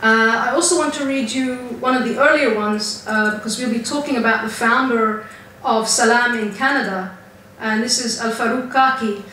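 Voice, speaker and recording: A woman's voice: on the high side, steady tone, moderate pace, bright, forceful tone. A woman giving an academic lecture, talking in a conversational, hesitant way with frequent fillers. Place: lecture room. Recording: very echoey room, distant mic, faint hiss.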